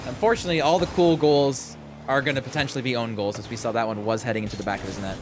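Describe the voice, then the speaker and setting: A young man calling an esports match play-by-play, quick and excited, talking to the chat. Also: medium pitch, noisy background. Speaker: esports caster.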